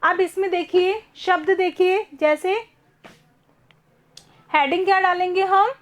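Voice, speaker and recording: A woman teaching a first-grade class online, patiently repeating words slowly for young children. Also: extremely high pitch, steady tone. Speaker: primary school teacher.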